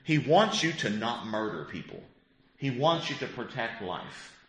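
Pastor, 50s male, lively and bright, conversational, echoey room. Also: mid-range voice, a little slow. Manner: conversational, asks the group questions, chuckles. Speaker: pastor teaching a class. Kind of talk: interactive Bible teaching.

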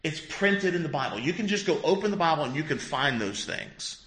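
A man's voice: fairly high pitch, animated, a little fast, fairly bright tone. A man in his fifties, a pastor teaching a Bible class in a conversational way, asking the group questions. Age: 50s. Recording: echoey room.

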